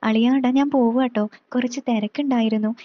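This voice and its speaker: A woman's voice: a little high, fairly even intonation, moderate pace, no room sound, lo-fi sound, natural voice. A woman voicing a casual, chummy young man greeting his old friend. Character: young man, easygoing buddy.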